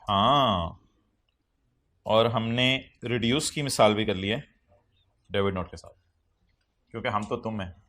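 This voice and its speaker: A man's voice: lowish voice, measured pace, long pauses, a bit bright. A man with a Pakistani Urdu accent giving a tax lecture to a class, teasing students, quizzing them and mixing English phrases into his Urdu.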